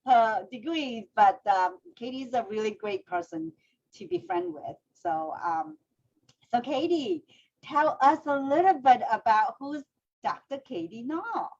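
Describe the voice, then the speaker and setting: A woman's voice: on the high side, lively intonation, unhurried, a little mellow. Chatty woman co-host on lo-fi audio. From Vietnam. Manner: chatty, with many fillers. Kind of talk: casual talk show hosting.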